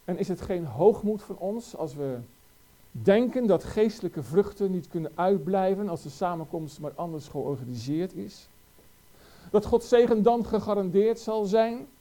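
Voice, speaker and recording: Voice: mid-range voice, animated, normal speed, mellow. A preacher giving a sermon, asking the congregation rhetorical questions with emphasis.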